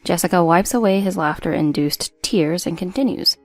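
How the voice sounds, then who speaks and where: Woman narrator, low voice with gravelly fry, dry close sound, first-person story read. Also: moderate pace, dry recording, soft background music.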